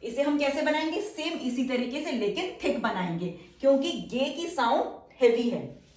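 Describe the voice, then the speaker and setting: A woman teacher with a high voice walks through a shorthand lesson step by step. She repeats each sound slowly and keeps checking that the viewer is following. The recording is roomy and echoey. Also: animated, a little mellow, far from the mic.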